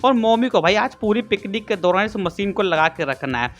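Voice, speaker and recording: Cheeky high-voiced male storyteller. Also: lively intonation, a little fast, fairly bright tone, faint music behind. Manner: cheeky, crude, talks straight to viewers. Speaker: manhwa recap narrator. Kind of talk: casual comic story recap.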